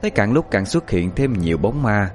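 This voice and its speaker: A man narrating a horror story in an expressive, suspenseful manner. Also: fairly low pitch, moderate pace, faint music behind.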